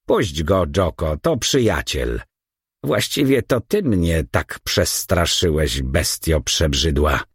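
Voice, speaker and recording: A man voicing a suspicious, cunning old baron of about sixty with a squeaky, croaking voice in an audiobook. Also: sing-song, takes it slowly, no room sound, clean studio sound, full character voice. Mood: cheerful. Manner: suspicious, sly questioning. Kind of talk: audiobook character voice.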